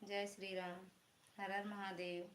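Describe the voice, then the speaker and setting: Awadhi woman, home live-stream host, loud, casual, mid-pitched, roomy phone sound with faint hiss. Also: little pitch movement, slow pace. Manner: greets viewers with religious salutations, talks loudly. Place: indoors at home, in a room.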